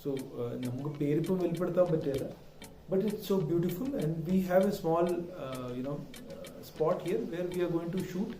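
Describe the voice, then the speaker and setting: A man's voice: on the high side, takes it slowly, warm tone, a little hiss or hum. Roomy-sounding Malayali man mixing Malayalam and English. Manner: mixes Malayalam and English, switching mid-sentence. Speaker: vlog presenter. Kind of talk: casual vlog talk. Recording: roomy, distant mic with music behind.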